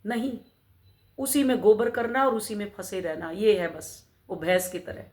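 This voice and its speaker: A woman's voice: medium pitch, lively intonation, unhurried, a little mellow. A middle-aged woman talking as a spiritual mentor, urging her listeners on with rhetorical questions and repeated calls to keep going. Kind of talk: motivational spiritual talk.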